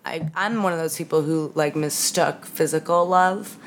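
A woman's voice: low-pitched, steady tone, normal speed, a little hiss or hum. A woman chatting candidly as a podcast guest, frank and teasing. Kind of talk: casual chat.

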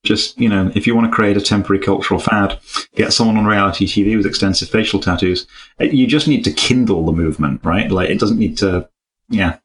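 A man hosting a casual comedy podcast, reading out listener questions with dry, deadpan humor. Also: lowish voice, quick pace.

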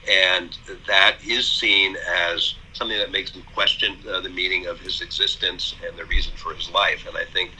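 A man with a low voice and a very bright, forceful tone, talking as a guest in an interview. He speaks in a measured, hesitant way, full of pauses and fillers. A faint hiss sits under the recording. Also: little pitch movement, low-quality recording. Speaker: author and college president, guest. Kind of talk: thoughtful interview talk.

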